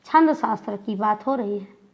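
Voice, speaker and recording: A woman teaching Hindi grammar in a lecture style, speaking deliberately and repeating example words to demonstrate how they sound. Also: medium pitch, lo-fi sound.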